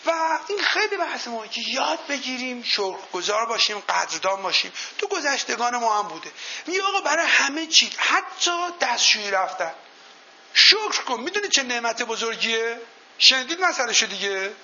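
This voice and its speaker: A man with a strikingly high, piercingly bright voice gives a motivational seminar talk, swinging his pitch up and down as he goes. He tells folk anecdotes and keeps turning to the live audience with questions. The sound is a dull, lo-fi recording. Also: very animated, slight background noise. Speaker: motivational speaker.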